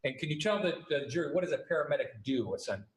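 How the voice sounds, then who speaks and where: A man questioning a witness as an attorney, measured and methodical, heard in a courtroom recording. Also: fairly high pitch, expressive, roomy sound. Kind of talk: courtroom examination.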